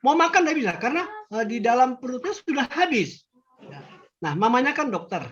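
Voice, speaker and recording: An older man, a grandfather giving an emphatic, animated testimony to an audience. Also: very high-pitched, fairly quick. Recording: dull lo-fi recording.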